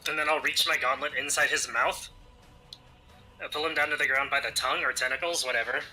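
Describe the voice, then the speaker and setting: A man plays a tabletop game in a very sharp, husky voice, pitched a little high. He chats casually as a player, with music behind. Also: steady tone, brisk, poor audio.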